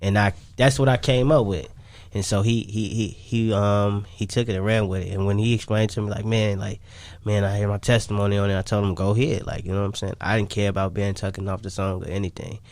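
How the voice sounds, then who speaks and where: Guesting on a radio interview, a Chicago-born songwriter and music artist talks briskly in a fairly low, level, slightly mellow voice. His casual delivery rambles and repeats, peppered with slang tags, on a dry recording.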